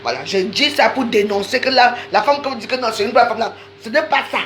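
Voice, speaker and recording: A woman's voice: a little high, brisk, background noise. A woman delivering a heated, accusatory live-stream rant, talking straight to her viewers and repeating phrases for emphasis. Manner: accusatory, insistent, addresses viewers directly.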